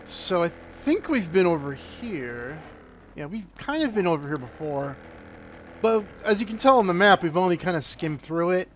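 A man chatting casually as he plays, excitable and quick to break into panicked yelps. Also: sits high, slight background noise. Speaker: gaming streamer. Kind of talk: casual gameplay commentary.

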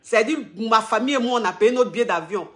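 A woman's voice: a little high, fast talker, a bit bright. A woman influencer giving an indignant live-video monologue, stressing her points by repeating phrases. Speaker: social media influencer.

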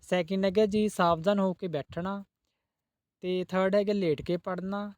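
High-voiced man teaching exam questions. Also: flat delivery, normal speed, a little mellow, dry recording. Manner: repeats set phrases with polite ji, asks then answers. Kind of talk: exam-prep lesson.

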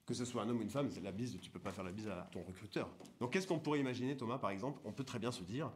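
An actor playing a pushy job-interview coach who lectures, interrupts and keeps restarting the drill, in a film comedy scene. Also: male voice, on the low side, rapid-fire, slight background noise, lightly acted.

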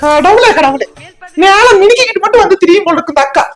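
A woman's voice: extremely high pitch, expressive, very fast, soft background music. A woman in a scripted comedy sketch, grumbling and complaining in asides.

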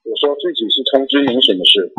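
A man's voice: mid-range voice, fast talker, sharp tone, breathy edge, no room sound. A man speaking over a phone line as an agent, insistently asking the caller for personal details. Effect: heard over a phone line. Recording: muffled dull phone line.

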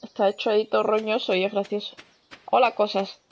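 A woman's voice: medium pitch, little pitch movement, fairly quick. Chatty young Spanish woman gaming. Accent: Spain Spanish. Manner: chatty, swears casually, reacts aloud while playing. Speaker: gaming channel host. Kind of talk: casual let's-play commentary. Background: game music.

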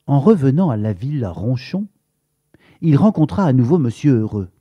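A man reading a storybook aloud to children, animated and asking the listener questions. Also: mid-range voice, normal speed, slightly rough, dry recording. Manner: lively, asks the listener questions.

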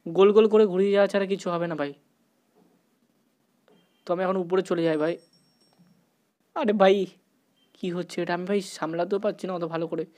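A man giving excited, panicky commentary while playing a horror game, at times dropping to a hushed voice out of fear and mixing in English exclamations. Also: high-pitched, normal speed, pauses often. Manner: sometimes talks softly out of fear. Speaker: gaming YouTuber.

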